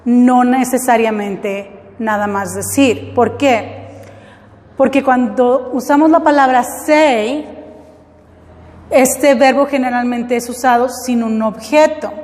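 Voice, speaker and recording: A woman's voice: fairly high pitch, darkish tone, in a large hall. A woman teaching English, explaining step by step and often checking that her students follow. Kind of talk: classroom lesson.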